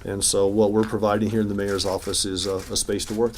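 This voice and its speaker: Relaxed, low-voiced man at a press conference. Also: quick pace, noisy background. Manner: relaxed, informal, with restarts and fillers. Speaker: city mayor at a press conference. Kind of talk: press conference remarks and answers. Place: city hall news conference room.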